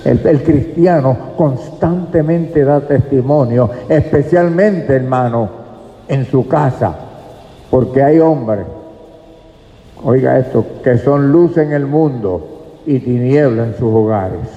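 In an echoey hall captured with dull, lo-fi sound, a man with a mid-range, dark-toned voice preaches a sermon slowly in church. He is emphatic and addresses the congregation as brothers.

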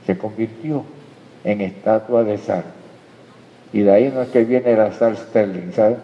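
Spanish-speaking preacher in an echoing hall. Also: male voice, fairly low pitch, measured pace. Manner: emphatic preaching, rises and drops in loudness. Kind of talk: sermon. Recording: dull sound in a reverberant hall.

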